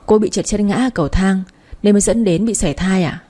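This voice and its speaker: A woman's voice: medium pitch, quick pace, dark tone, breathy edge, natural voice. A woman reading the lines of a young husband who apologizes with his head bowed, in a hesitant, subdued way for an audio story. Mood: apologetic.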